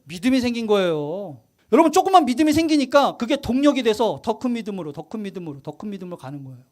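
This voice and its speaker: Casting: a pastor with a very high voice that rises and falls a lot, lively sermon storytelling. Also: male voice, fast. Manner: animated storytelling, acts out quotes and asks the congregation questions; drops to quiet, soft emphasis at points.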